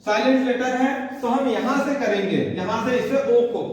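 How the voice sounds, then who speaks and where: High-voiced male teacher in echoey room. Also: normal speed. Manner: asks and answers his own questions. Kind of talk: classroom grammar lesson. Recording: echoey hall, voice far from mic.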